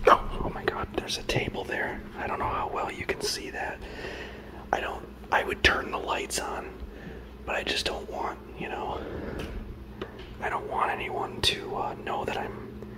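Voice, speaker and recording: A man in his thirties whispering a comedy sketch in a dark house, hesitant and full of fillers, close to a handheld phone. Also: poor audio. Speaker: comedian host. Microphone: handheld phone camera close up.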